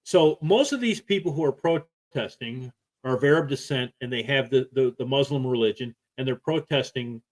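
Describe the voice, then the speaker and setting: A man co-hosting a live-stream podcast, talking forcefully with restarts and repeated points. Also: medium pitch, normal speed. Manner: forceful, repetitive, stop-start. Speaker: podcast co-host. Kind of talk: casual live-stream talk.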